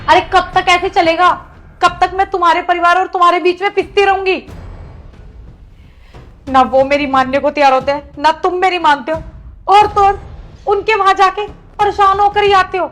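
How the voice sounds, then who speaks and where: A woman's voice: very high voice, steady tone, normal speed, fairly bright tone. A woman playing a nagging young wife who scolds her husband and keeps demanding answers. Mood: ultimatum. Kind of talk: acted family short drama.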